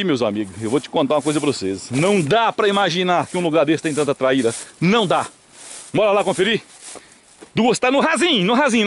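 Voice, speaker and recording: A man with a Brazilian caipira country accent giving casual, excited, jokey fishing commentary outdoors from behind a handheld camera. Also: on the high side. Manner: animated, jokey, exclamatory. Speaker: vlog host and cameraman. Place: open hillside pasture by ponds, outdoors.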